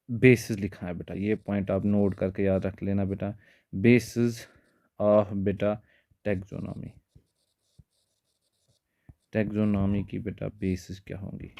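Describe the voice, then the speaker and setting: Flat-voiced low male biology tutor. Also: no echo. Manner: keeps calling students "beta", mixes in English terms. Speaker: biology teacher. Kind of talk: exam-prep lecture.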